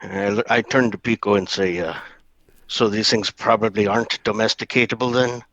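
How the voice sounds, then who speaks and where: A man's voice: lowish voice, fairly even intonation, moderate pace, a bit bright, no room sound, highs cut off. A man playing in a tabletop game, eager and jokey, with short punchy lines. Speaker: player. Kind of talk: casual tabletop play.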